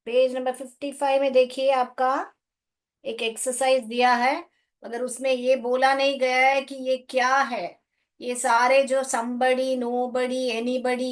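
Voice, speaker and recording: Woman teaching an online class. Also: fairly high pitch. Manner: explains in Hindi mixed with English, calls students "beta". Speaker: English teacher.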